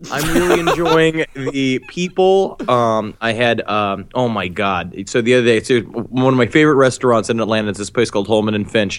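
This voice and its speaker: A man co-hosting a comedy podcast in casual chat, rambling and laughing as he acts out little quotes. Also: on the low side. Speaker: podcast co-host.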